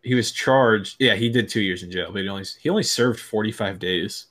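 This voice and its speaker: A man's voice: on the low side, a little fast, fairly bright tone. A man on a podcast, chatting casually and reading out facts in a dry way. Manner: dry, reads facts out, laughs often. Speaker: podcast co-host. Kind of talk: casual chat.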